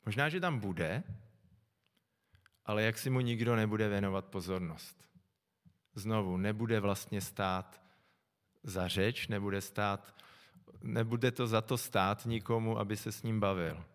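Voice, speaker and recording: A middle-aged man preaching a sermon, calm and reflective, often pausing to think aloud. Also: on the low side. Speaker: pastor. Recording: long echo from a large hall.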